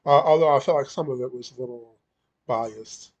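A man with a slightly husky voice hosts a casual podcast. He talks loosely and unhurriedly, with plenty of filler words. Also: medium pitch, moderate pace, highs cut off. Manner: laid-back, filler-heavy, laughs often. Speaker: podcast host. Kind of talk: casual chat.

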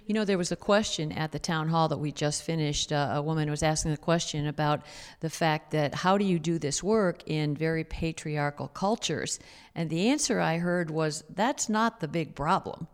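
A woman moderator with a fairly low voice asks the guests probing questions. Her voice rings with a long hall reverb. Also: moderate pace. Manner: inquisitive, prompting questions. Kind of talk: interviewing guests on stage.

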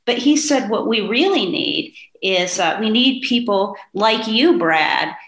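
Female co-host, mid-pitched, thoughtful and tentative interview delivery, noticeably roomy recording. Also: expressive, unhurried, fairly bright tone. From rural Pennsylvania, United States. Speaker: podcast co-host. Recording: echoey, roomy sound.

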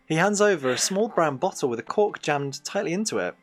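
Lively man narrating a game book. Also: fairly high pitch, fairly quick, faint music behind. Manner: lively storyteller, slipping into hesitant filler-heavy asides. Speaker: game master and podcast co-host. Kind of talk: reading an adventure game book aloud to a player.

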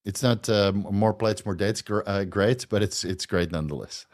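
Brief: male host, Dutch accent, lower voice, relaxed livestream Q&A, curses casually. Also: normal speed. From Netherlands. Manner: loose, swears, laughs often. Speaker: host answering viewer questions.

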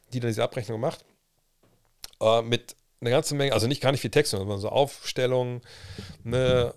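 A man in his thirties hosts a livestream, telling a casual story full of slang, restarts and quoted self-talk. His medium-pitched voice is creaky. The sound is clean studio audio with no room sound.

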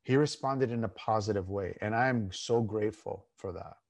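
A man speaking informally and candidly as a coach, giving an emphatic motivational talk with repeated phrases and slowed, stressed words. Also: fairly low pitch, vocal fry. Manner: informal, candid, mildly crude. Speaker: fitness and mindset coach, show host.

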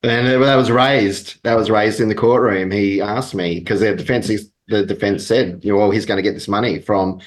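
A man in his thirties or forties giving a casual radio interview as a guest, halting and understated. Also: fairly low pitch, fairly even intonation, low-quality recording.

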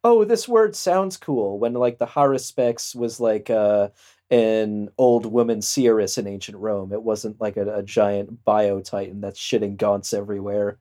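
A man's voice: on the low side, little pitch movement, measured pace, mellow. A man co-hosting a podcast, rambling and joking in a casual chat, laughing often. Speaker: podcast co-host.

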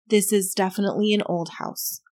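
A woman's voice: medium pitch, fairly even intonation, brisk, a little mellow, no room sound, studio quality. A woman hosting a casual talk about a paranormal investigation, thoughtful and explanatory, often hedging. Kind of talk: casual podcast chat reviewing audio.

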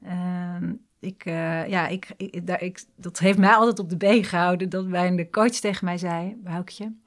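A woman's voice: fairly low pitch, fairly even intonation, normal speed. A woman coach and trainer in a conversational interview, speaking earnestly and reflectively with frequent hesitations.

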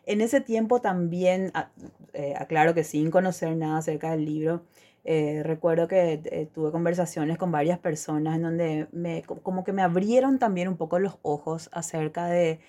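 A woman's voice: fairly low pitch, steady tone, normal speed. A middle-aged woman, co-hosting a casual podcast and telling a personal story, often asking "¿verdad?". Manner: warm storytelling, acts out quoted lines, says "¿verdad?" often. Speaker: podcast co-host. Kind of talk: casual chat.

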